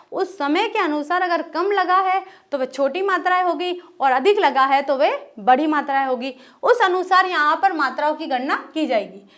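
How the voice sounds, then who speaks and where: A woman's voice: very high-pitched, fairly bright tone. A woman teaching a Hindi grammar lesson, explaining step by step, asking questions and answering them herself, drawing out single vowel sounds, and checking in often with "ठीक है". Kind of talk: classroom lesson.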